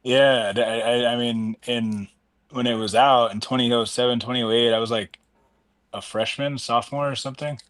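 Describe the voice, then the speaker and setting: A collector and card seller in his thirties tells his collecting story on a casual group video call, rambling enthusiastically and often interrupting and restarting himself. His medium-pitched, steady voice is a bit bright, at normal speed, with no room sound.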